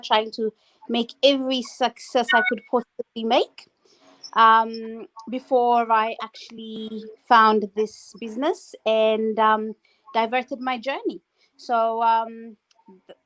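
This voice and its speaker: Female guest, slightly high voice, hesitant, video call. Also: a bit bright. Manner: hesitant, many ums. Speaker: panel guest.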